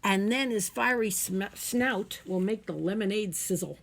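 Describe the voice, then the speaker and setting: Reading a children's picture book at storytime, a woman sounds expressive and playful, adding chatty asides and questions for her listeners. Her mid-range voice carries vocal fry, and she keeps a measured pace.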